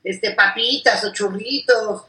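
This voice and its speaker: A woman's voice: mid-range voice, slow, bright, forceful tone, distant mic. A woman co-hosting a casual gossip chat over a video call, chatty and playful. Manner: chatty, playful, shows things off. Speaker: gossip show co-host. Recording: echoey room, set back from the mic.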